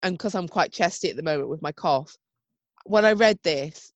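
At normal speed and fairly low pitch, a coughing, wheezy-voiced podcast co-host chats casually through her story, laughing and frequently saying "oh my God." The audio is dull, dry and close, with no room sound.

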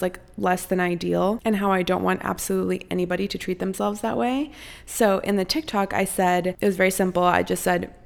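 A woman's voice: on the low side, gravelly. A young woman from Costa Rica hosting her own podcast, chatting candidly and casually at home, swearing freely. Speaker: podcast host. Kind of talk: casual solo podcast chat. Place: her apartment.

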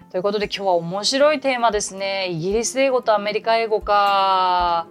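A medium-pitched woman who teaches English leads a laid-back podcast lesson, talking in a bubbly, chatty way and dropping in quick asides.

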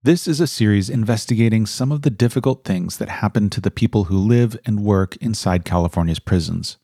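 A man's voice: lowish voice, fairly quick, warm tone, no room sound, clean studio sound. A man introducing a series with a serious, careful content warning. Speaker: series host.

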